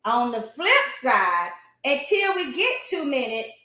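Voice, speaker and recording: A high-pitched woman gives her opinions in a casual boxing discussion. She is emphatic and colloquial in her delivery. The sound is roomy and echoey. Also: very animated, takes it slowly, sharp tone. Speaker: boxing talk show commentator. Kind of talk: animated casual sports discussion.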